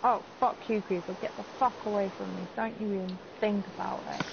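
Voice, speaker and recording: A woman talks her way through a live game stream, cursing at the game between chatty asides. Her voice has a gravelly fry. The stream audio is dull and lo-fi, with a constant hiss of noise. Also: mid-range voice, steady tone, brisk. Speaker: gaming streamer. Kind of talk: live gameplay commentary.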